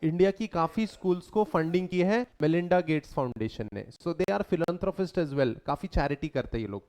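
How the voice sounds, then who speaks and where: A man's voice: fairly high pitch, expressive, moderate pace, darkish tone. A man teaching a lecture in a conversational way, often quizzing his students with questions. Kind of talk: lecture mixing Hindi and English.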